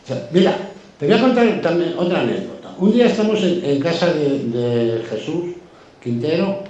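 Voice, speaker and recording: A guest with an accent from Spain tells anecdotes casually, effusive and colloquial, with swearing. His voice is a little high, animated and darkish at a moderate pace. The recording sounds muffled, with a very echoey room, a distant mic and faint noise.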